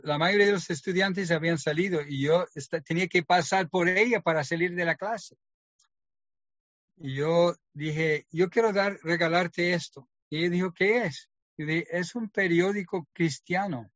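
Man telling a story, higher voice. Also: a bit bright, dry recording, lo-fi sound. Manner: earnest storytelling, acting out quoted dialogue. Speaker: testimony speaker. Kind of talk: personal testimony.

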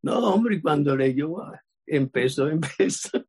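A man's voice: fairly high pitch, measured pace, husky. A man from Cuba, casually sharing a testimony with a church group and acting out the dialogue as he retells it. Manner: lively retelling, acts out quoted dialogue.

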